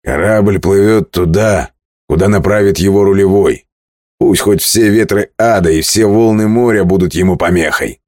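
A man's voice: sits low, normal speed, no room sound, studio quality, voice pushed up. Man doing a swaggering sea captain. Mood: boastful. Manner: loud and swaggering. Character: bold, boastful male ship captain.

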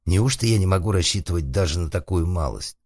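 A man's voice: sits low, lively intonation, fairly quick, a little mellow, breathy edge, dry recording, clean studio sound, exaggerated voice. A man voicing a cunning, ardent suitor who woos and takes offense with mock solemnity, in a comic audiobook. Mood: earnest wooing. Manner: earnest, mock-solemn, indignant. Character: cunning wooden-boy suitor, ardent and calculating.

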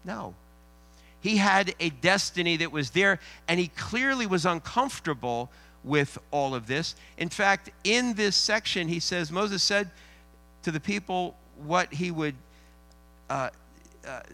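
A rabbi delivers a sermon in a synagogue, his voice bright and somewhat higher than most men's. He preaches conversationally, tossing out rhetorical questions and paraphrasing scripture in plain, everyday speech. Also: lively intonation, a little slow.

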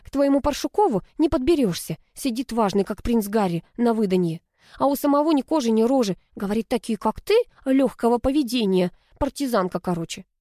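A hot-tempered young student girl who hisses out her complaints, her voice pitched a little high and mellow, as a woman reads her part. The delivery is dry and close, with no room around it. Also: animated, a little fast, no echo, natural voice. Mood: indignant. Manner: indignant, hissing complaints.

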